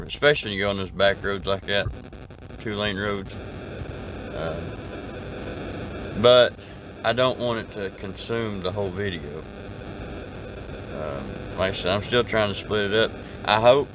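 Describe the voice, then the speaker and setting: A man's voice: fairly low pitch, fairly bright tone, slight background noise. A man, chatting casually to camera from his parked truck cab, rambling and easygoing with lots of fillers and restarts. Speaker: trucker vlogger. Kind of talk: casual vlog chat to camera. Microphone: camera at arm's length.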